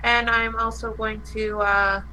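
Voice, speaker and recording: A woman's voice: on the high side, flat delivery, unhurried, pushed and bright, slight background noise, low-quality recording. A woman playing a tabletop game, talking casually in a group voice chat.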